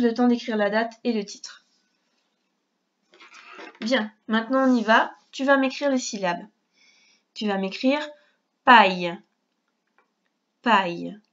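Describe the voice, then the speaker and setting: A woman teacher with a fairly high voice reads out a dictation for a young child, taking her time over every word. She says each syllable twice with patient care, and the home recording sounds dull and lo-fi. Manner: slow, careful dictation, repeating each syllable; addresses the child directly and patiently. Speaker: primary school teacher.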